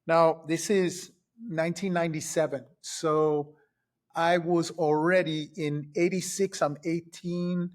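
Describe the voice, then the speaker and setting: A man in his fifties from Trinidad, a podcast guest telling his past in a casual, lively way, step by step. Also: on the high side, slow pace. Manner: lively, recounts events step by step. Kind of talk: casual storytelling.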